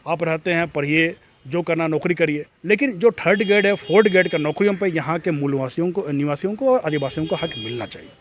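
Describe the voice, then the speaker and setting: Man, slightly high voice, earnest, explanatory, interview answer. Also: brisk, hardly any pauses, slight background noise. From Jharkhand. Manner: earnest, explanatory, with frequent restarts. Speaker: activist interviewee.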